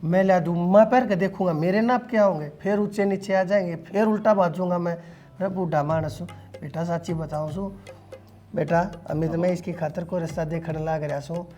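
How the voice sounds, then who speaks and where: With music behind him, an actor plays an old Haryanvi village father in a family serial. His voice is fairly high, and he frets and exhorts in a folksy, worried way with a thick Haryanvi accent. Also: moderate pace, mellow, lightly acted. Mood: insistent pleading. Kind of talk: web serial family drama acting.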